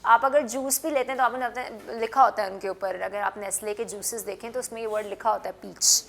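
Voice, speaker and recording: A woman teaching English words in a television lesson, patiently repeating and spelling each word slowly for learners to copy. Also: mid-range voice, fairly even intonation, vocal fry, fairly bright tone. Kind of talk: classroom lesson with repetition drills.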